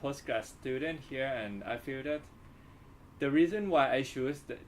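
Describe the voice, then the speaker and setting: A young man from Thailand speaks in halting, simple phrases about his postgraduate studies. His pitch sits in the middle range for a man. There is faint noise behind him. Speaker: postgraduate student.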